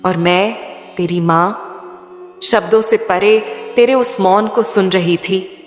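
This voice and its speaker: A woman voicing a loving, all-knowing mother goddess in a soothing devotional message, speaking slowly and intimately. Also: medium pitch, close to an everyday voice. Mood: tender. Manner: slow, soothing, intimate address. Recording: echoey hall with faint sitar music.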